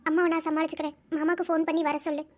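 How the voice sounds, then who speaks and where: A woman voicing a caring younger sister who calmly comforts and advises her older sister. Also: sits high, racing, pitched below the performer's own voice, close to an everyday voice. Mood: soothing. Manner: soothing, advising.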